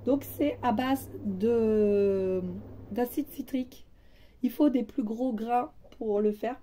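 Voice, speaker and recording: Hoarse, raspy woman with a weakened voice. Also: on the high side, slow pace, dark tone, far from the mic, slight background noise. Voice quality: raspy, partly breathy voice from voice loss. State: hoarse, weak voice recovering from laryngitis. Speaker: home cleaning vlogger. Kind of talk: casual chat to camera.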